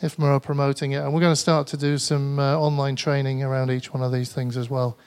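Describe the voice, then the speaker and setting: Presenting at a conference and fielding audience questions, a man with a Mancunian English accent from Manchester, England, sounds tired and conversational, with frequent hesitations and restarts. His mid-range voice is smooth and a little mellow, flat in delivery and quick in pace.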